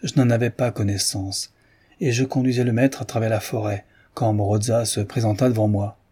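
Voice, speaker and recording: A man's voice: fairly low pitch, steady tone, normal speed, mellow, breathy edge. A man reading aloud voices a guilty coachman who defends himself and pleads with his mistress. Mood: pleading. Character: guilty male coachman, fearful then defiant.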